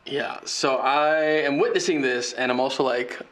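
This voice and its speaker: A man's voice: mid-range voice, moderate pace, a bit bright. A man playing in a tabletop game, chatty and a little hesitant, describing his character's moves. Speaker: player. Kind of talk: casual tabletop play.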